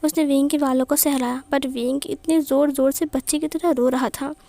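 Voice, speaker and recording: A woman narrating a fan fiction story in a plain, steady way. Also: high-pitched, normal speed, dry recording.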